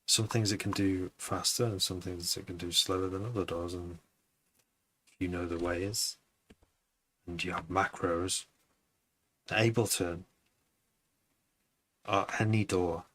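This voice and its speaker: Deep voiced guy rambling on his music stream, bright sharp tone, keeps restarting sentences. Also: fairly even intonation, measured pace, pauses often, poor audio. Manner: rambling, hesitant, many restarts. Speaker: music producer streaming a session. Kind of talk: casual live-stream chat.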